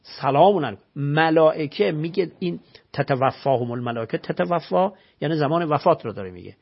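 Gravelly husky man, emphatic scholar. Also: on the high side, expressive, lo-fi sound. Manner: emphatic, rhetorical questions, recites scripture. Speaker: religious scholar guest. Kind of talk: explanatory religious talk.

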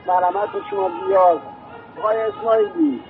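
A man's voice: high voice, huge pitch swings, music in the background. A man in his fifties calling in by phone to a live religious broadcast, speaking politely and earnestly. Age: 50s. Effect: phone caller heard over the broadcast. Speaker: caller to a live religious TV show. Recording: tinny phone line with faint noise.

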